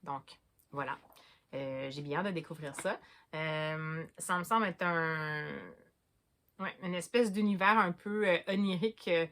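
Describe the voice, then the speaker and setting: Woman, Québécois accent, slightly low voice, casual book vlogger, hesitant and rambling. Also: unhurried, fairly bright tone. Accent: Québécois French. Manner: chatty, hesitant, many fillers and restarts. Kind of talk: casual chat about books.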